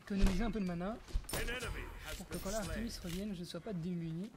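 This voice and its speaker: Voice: mid-range voice, fast talker. A gaming commentator explains gameplay in a casual, explanatory way, stopping and restarting with fillers and self-corrections. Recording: steady background hiss.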